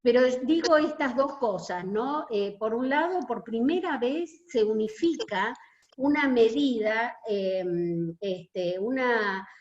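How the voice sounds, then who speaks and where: An Argentine woman speaks earnestly over a video call, recalling her union days. She hesitates often and fills her pauses. Her voice sits a little high, and the call audio is dull and lo-fi. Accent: Argentine Spanish. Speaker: union delegate recalling a protest march. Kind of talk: reminiscing testimony in an online meeting.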